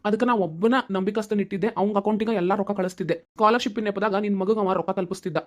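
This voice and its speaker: A woman's voice: mid-range voice, steady tone, quick pace, darkish tone, natural voice. A woman voicing a wealthy, kindly middle-aged family friend in a cartoon, speaking earnestly in a North Karnataka Kannada accent. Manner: earnest, reassuring, long explaining speeches. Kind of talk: cartoon voice acting.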